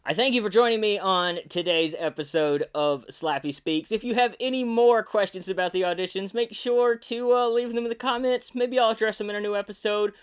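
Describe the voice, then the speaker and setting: This puppeteer and podcast host, a man in his thirties, has a clean, high-sitting voice and talks a little fast with hardly any pauses. He casually recounts behind-the-scenes stories, hesitant and self-deprecating.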